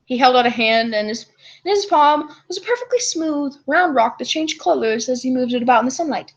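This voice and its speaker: Woman, high animated voice, co-host, casual banter and story reading, lo-fi sound. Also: brisk. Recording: dull lo-fi microphone.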